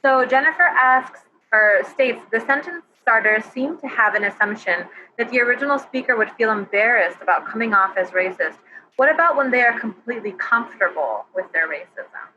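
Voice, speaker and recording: A woman's voice: fairly high pitch, lively intonation, normal speed, sharp tone. A woman moderating a live webinar, reading out episode titles and audience questions in a friendly, organized way. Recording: dull lo-fi audio with faint background noise.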